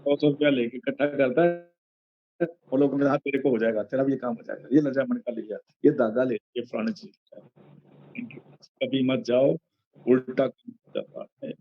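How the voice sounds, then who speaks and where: A man's voice: medium pitch, steady tone. Older Punjabi man explaining sacred verses. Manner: explains word by word, repeats warnings, slows to recite verses. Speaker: satsang speaker explaining verses. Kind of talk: spoken sermon commentary. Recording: dull lo-fi recording.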